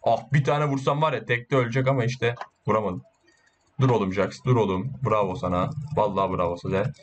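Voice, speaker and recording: A man giving casual, excitable gameplay commentary, boasting and swearing while urging his teammates on. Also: lowish voice, brisk, a little hiss or hum. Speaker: gaming YouTuber.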